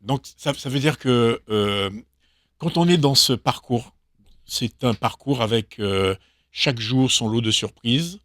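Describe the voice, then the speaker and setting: A man hosting a talk show, asking questions in a measured way with frequent fillers. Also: medium pitch, fairly bright tone, dry recording, clean studio sound. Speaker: radio show host.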